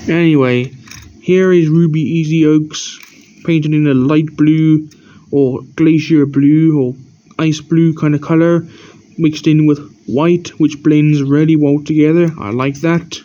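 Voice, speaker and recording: A man with a somewhat high, mellow voice talks through his collection in a casual, halting ramble, pointing out little details one at a time. He sounds tired and keeps breaking off to yawn. The recording is dull and lo-fi. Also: fairly even intonation. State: tired, yawning often. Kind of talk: casual show-and-tell narration.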